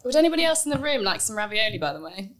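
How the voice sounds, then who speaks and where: A woman's voice: medium pitch, sing-song, very fast. A woman co-hosting a casual podcast, teasing and giggly as she rates food. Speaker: podcast co-host.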